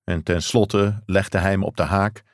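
A man reading a novel aloud as narrator, measured and even. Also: low-pitched, no echo, clean studio sound. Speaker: audiobook narrator. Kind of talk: scripted narration.

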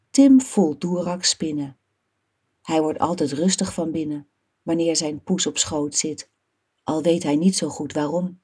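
A woman reading a children's story aloud as narrator, soft and even. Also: on the low side, breathy edge.

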